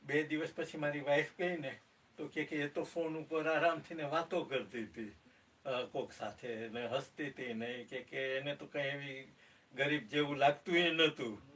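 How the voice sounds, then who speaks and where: A man's voice: a little high, fairly even intonation, moderate pace, a bit bright. A man asking a question in a Q&A, telling a personal story hesitantly with many fillers and some English phrases. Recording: distant mic with faint background noise.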